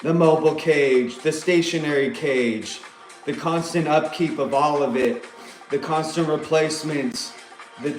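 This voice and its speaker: A man's voice: a little high, unhurried, roomy sound, soft background music. A man delivering a rambling, profane rant to the camera, agitated and repeating himself.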